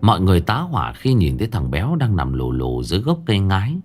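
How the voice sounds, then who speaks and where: A male storyteller narrates a ghost story in a low voice. His delivery is dramatic and animated, rising and dipping expressively across each line. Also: fast talker, over music.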